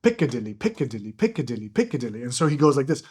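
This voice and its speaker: A man's voice: mid-range voice, big pitch swings, very fast, background noise. A young man from Ireland raised in Belgium, enthusiastically teaching electronic music in a casual video lesson while demonstrating a hand drum. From born in Ireland, raised in Belgium. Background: hand drum hits.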